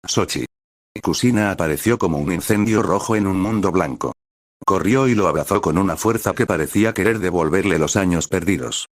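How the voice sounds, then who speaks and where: A man narrating a dramatized fan-fiction reading in an even, descriptive storytelling manner. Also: deep voice, fairly quick, no echo, studio quality.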